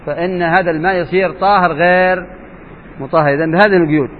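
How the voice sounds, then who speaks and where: A man's voice: high-pitched, fairly even intonation, fast. Man, classroom lesson, quizzes his students, faint hiss behind. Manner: asks students questions and repeats points. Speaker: sheikh teaching Shafi'i jurisprudence. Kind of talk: classroom lesson explaining a text. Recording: dull lo-fi recording with faint hiss.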